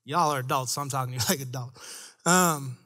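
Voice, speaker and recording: A man's voice: mid-range voice, fairly quick, pushed and bright. A man preaching a sermon to young adults, chatty and laughing at his own stories, then rising into an emphatic preaching cadence.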